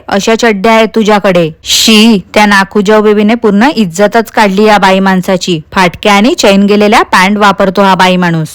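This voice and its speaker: A woman's voice: mid-range voice, smooth, no room sound. A woman with a Marathi accent giving mocking, scolding commentary on a vlogger for her reaction podcast.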